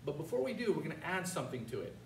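Older male martial arts instructor, high-pitched for a man, commanding drill calls, recorded across an echoey studio. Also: big pitch swings, rapid-fire. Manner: commanding, instructional, calling out short counted cues. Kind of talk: karate lesson with call-and-response drills. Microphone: far camera. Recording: roomy, distant mic with faint noise.

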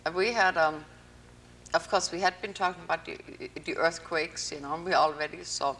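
An older woman from North Africa hosts a cable interview, rambling through her stories. Her voice sits low but bright. The lapel recording sounds a bit distant, with faint hiss underneath. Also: moderate pace. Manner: chatty, rambling storyteller. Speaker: host. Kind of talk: public access interview. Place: TV studio with green-screen backdrop.

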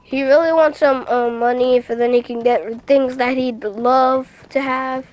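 Giggly young high-voiced gamer girl. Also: steady tone, a little slow, rough recording. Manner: playful, giggly, loud bursts. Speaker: gaming channel host. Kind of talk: casual gaming chat. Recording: music playing behind.

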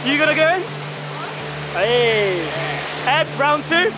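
A man vlogging a group swim outing outdoors, relaxed and laughing as he urges others on. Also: very high voice, heavy background noise. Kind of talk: casual outdoor vlog chat. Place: outdoors by waterfalls and in a cave. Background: music and rushing water.

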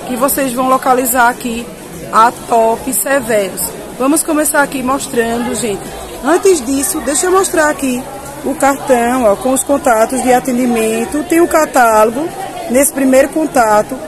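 A high-pitched female presenter with a Northeastern Brazilian accent showcases products informally in a covered, open-sided clothing market, chatting with viewers and using lots of tag questions. She is behind a handheld camera, and the rough recording carries busy crowd bustle.

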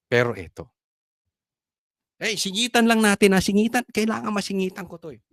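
A man's voice: high-pitched, big pitch swings, brisk, a bit bright, no room sound, clean studio sound. A man with a Filipino accent giving preachy, mocking political commentary to his viewers. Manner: preachy, mocking, chanting, laughing asides.

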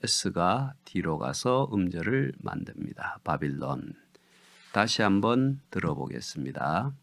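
A man teaching English pronunciation, explaining syllables slowly and reading each word out one by one. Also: fairly low pitch, sing-song, gravelly, fairly bright tone, no room sound. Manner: drawn-out deliberate word-by-word reading. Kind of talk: slow instructional explanation.

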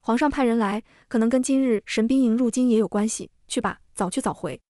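A woman voicing a steady, cautious middle-aged nobleman giving calm instructions in an audio comic. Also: fairly high pitch, a little fast, no echo, studio quality, lightly acted. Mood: instructing.

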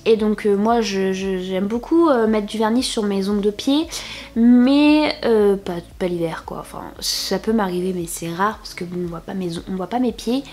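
A woman's voice: medium pitch, moderate pace, a little mellow. Young woman, beauty vlogger, casual haul chat, filler-heavy, playful. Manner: chatty, many fillers and restarts, playful "tada" reveals.

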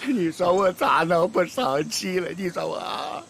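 An actor playing a loud, fussy, cantankerous old grandmother in a comic TV drama, groaning and complaining. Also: mid-range voice, animated, measured pace, creaky, slight background noise. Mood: grumbling. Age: older. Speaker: grandmother character.

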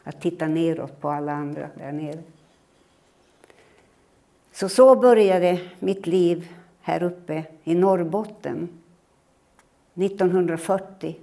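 A woman in her eighties, originally from Finland, giving a lecture in which she recounts her own life in a measured, reflective way. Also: fairly low pitch, gravelly, dark tone. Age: 80s. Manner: measured, reflective storytelling that acts out her own remembered words. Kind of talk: personal storytelling lecture.

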